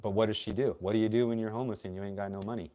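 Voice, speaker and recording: A man's voice: fairly low pitch, steady tone, racing, dark tone. A man co-hosting a casual livestream chat, blunt and outspoken, rambling as he talks, with the hiccups. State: has the hiccups. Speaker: co-host.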